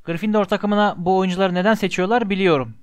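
A man's voice: high-pitched, fairly even intonation, quick pace, no room sound, clean studio sound, lightly acted. A man voicing a sneering schoolboy bully. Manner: taunting, mocking. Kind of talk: audiobook character voice.

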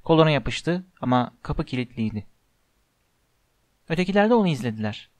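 A man reading a storybook aloud in a measured, steady way, close to the mic. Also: fairly high pitch, no echo. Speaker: audiobook narrator. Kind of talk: storybook narration.

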